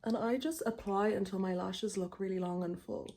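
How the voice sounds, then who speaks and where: A woman in her twenties talks through a makeup tutorial in an informal, rambling way. Her voice is soft-edged and relaxed with plenty of creak, and a tongue piercing clicks in her speech. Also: mid-range voice, moderate pace. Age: 20s. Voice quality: tongue piercing clicking faintly against teeth. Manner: informal, rambling, frequent filler "like". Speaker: beauty vlogger. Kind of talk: casual chatty makeup tutorial.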